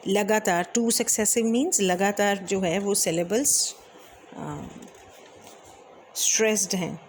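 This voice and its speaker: A woman's voice: mid-range voice, slight background noise. A woman teacher giving a lecture, explaining step by step with many English terms and a few fillers. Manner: reads verse lines slowly. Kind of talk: Hindi lecture on English poetry.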